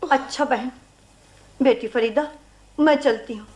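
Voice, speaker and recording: A woman playing a gossipy neighbor who tells ghost stories in hushed, conspiratorial tones. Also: high-pitched, a little slow. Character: gossipy middle-aged neighbor, ominous storyteller. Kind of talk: vintage radio drama acting.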